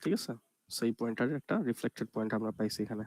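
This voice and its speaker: A man's voice: medium pitch, no echo. A man giving an online computer graphics lecture, explaining step by step and checking in with students. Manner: explains step by step, often asks "ঠিক আছে?"; speaks softly and slowly on purpose.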